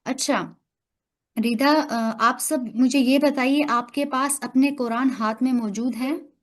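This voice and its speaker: An online Quran recitation teacher with an Urdu accent runs a class over video call, patiently correcting her students' pronunciation point by point. Her voice is high-pitched and steady, and she speaks slowly.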